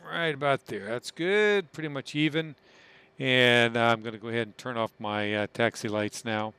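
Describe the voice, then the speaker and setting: Clear-voiced man thinking aloud. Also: medium pitch, normal speed, pushed and bright. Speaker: flight leader in a flight simulator. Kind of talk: casual live commentary while flying.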